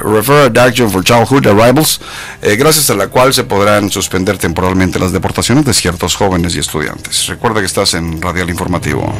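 Jokey radio host, man. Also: low-pitched. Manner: jokey, playful, mock-mispronounces English. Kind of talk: live internet radio talk.

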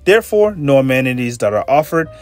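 A man in his thirties narrates his flight review in a measured, matter-of-fact tone. His pitch moves about lively, and soft music plays faintly behind him. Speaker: travel vlogger. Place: airplane cabin. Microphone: phone held at arm's length.

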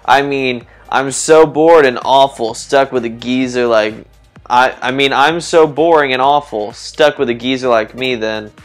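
A man voicing a bored, self-deprecating old man who runs a forum, read plainly at a slow pace. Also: medium pitch, soft background music, close to an everyday voice. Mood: weary.

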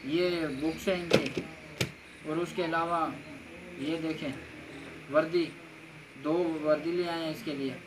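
A man's voice: a little high, fairly even intonation, unhurried, pauses often. A man in his thirties from Pakistan, chatting casually with his kids as a family vlogger outdoors. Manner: chatty, teasing questions to the kids. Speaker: vlogger, father. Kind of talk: casual family vlog chat. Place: outdoor village courtyard. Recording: outdoor courtyard with clear noise.

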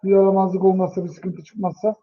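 A man's voice: sits high, flat delivery, a little fast. A man hosting a casual livestream, chatting to viewers in a brotherly way and often repeating himself. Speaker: livestream host. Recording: muffled lo-fi livestream audio.

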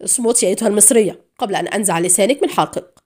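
A woman's voice: medium pitch, expressive, fast talker, natural voice. A woman reading an audiobook, voicing a cruel, scheming female spy who mocks coldly and snaps in anger. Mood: harsh angry. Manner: cold menace rising to sharp anger.

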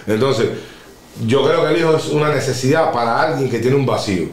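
Male podcast co-host, mid pitch, reasoned delivery, roomy echo. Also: a little fast, crowd noise. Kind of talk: casual chat.

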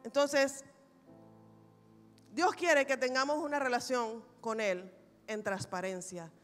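A woman pastor preaching a sermon, telling a personal testimony in an animated, humorous way. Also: a little high, slow, soft background music. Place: large church hall. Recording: reverberant church hall recording.

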